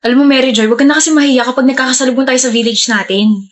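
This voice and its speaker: A woman with a high voice performs a lighthearted comedy skit. She is playful and excitable, bursting into sudden shouts between quicker chatty lines. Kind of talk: scripted comedy skit dialogue.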